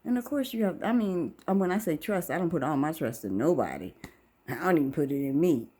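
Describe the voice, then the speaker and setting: Husky, lively-voiced woman in her fifties. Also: deep voice, fairly quick. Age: 50s. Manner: talkative, wandering, faith-centered, musing. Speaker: vlogger, channel host. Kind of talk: casual rambling monologue to camera.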